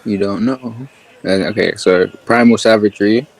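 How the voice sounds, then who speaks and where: Guy playing d&d over voice chat, lowish voice, lots of ums. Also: fairly even intonation, normal speed, vocal fry. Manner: casual, thinking aloud with fillers. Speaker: player. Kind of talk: playing a tabletop game.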